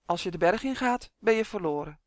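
A reader voicing a timid, kind-hearted old gnome who speaks cautiously and haltingly, in an audiobook. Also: medium pitch, lively intonation, no echo, studio quality, close to an everyday voice. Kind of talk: audiobook character voice.

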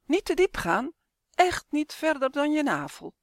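Lady doing caring old granny hen, calls out high n lively, storybook. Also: slow, dry recording, clean studio sound, exaggerated voice. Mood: calling. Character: old stiff grandmother hen, caring and patient.

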